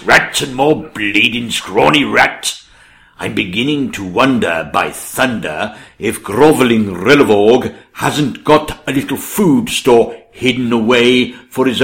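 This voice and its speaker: A man's voice: mid-range voice, fairly bright tone. An actor playing a pompous, greedy, blustering king in a theatrical rhyming comedy, relishing every word. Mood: suspicious, indignant. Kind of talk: theatrical rhyming comic drama.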